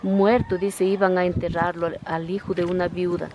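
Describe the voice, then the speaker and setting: A woman's voice: on the low side, flat delivery, normal speed, muffled recording, slight background noise. A woman earnestly retelling Bible stories in a preaching way.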